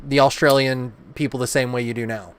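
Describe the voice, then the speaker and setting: Smooth-voiced chatty male stream host. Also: mid-range voice, steady tone, fairly quick. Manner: chatty, teasing banter. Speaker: stream host opening trading card packs. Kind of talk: casual live-stream chat.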